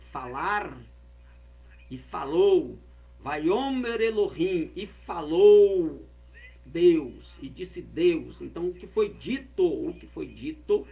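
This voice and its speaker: A man teaching a lesson, explaining and repeating words slowly and carefully. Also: on the high side, vocal fry, rough recording. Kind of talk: explaining Hebrew words of a Bible verse.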